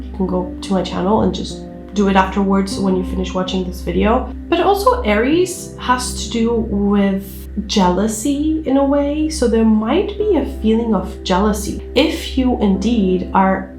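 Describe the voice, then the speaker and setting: A woman's voice: mid-range voice, darkish tone. A woman speaking as a fortune-telling tarot reader, casual and conversational, addressing the listener directly in a reassuring way. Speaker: tarot reader, channel host. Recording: roomy echo with music behind.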